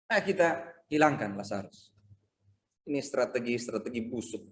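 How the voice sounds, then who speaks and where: A man preaching a Sunday sermon in a lively, conversational way, acting out voices and asking his congregation questions. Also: medium pitch, moderate pace, echoey room. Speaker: pastor. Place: church service streamed over video call.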